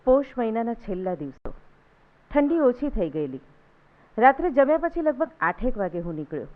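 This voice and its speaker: A woman reciting a literary essay in a steady, measured reading voice at a literary event. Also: fairly high pitch. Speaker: essay reader. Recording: thin phone-like sound.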